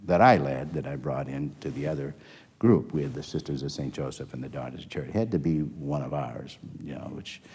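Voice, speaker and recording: Deep-voiced older man telling stories. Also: brisk, a little mellow, breathy edge. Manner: rambling anecdotal telling with frequent restarts and "and so on". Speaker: interviewee. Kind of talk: oral history interview storytelling. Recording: long hall reverb.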